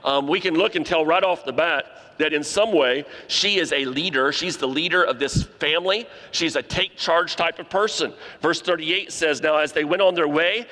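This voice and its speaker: A man preaching a sermon in a hoarse, somewhat strangled voice, as if fighting off illness, stressing key phrases by repeating them. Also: a little high, normal speed, hardly any pauses, pushed and bright. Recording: reverberant hall.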